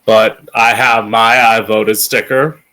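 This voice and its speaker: A man's voice: on the low side, level tone, slow, bright, forceful tone, low-quality recording. An American man hosting as a drag queen, giving an opinionated political monologue to camera in a campy, sassy, blunt manner with swearing. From Florida, United States. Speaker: drag queen host of a political commentary show.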